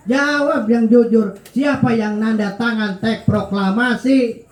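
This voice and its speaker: A man putting on a booming stern schoolteacher. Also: steady tone, slow pace, roomy sound. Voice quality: overly loud, intimidating. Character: loud stern male schoolteacher, barking questions.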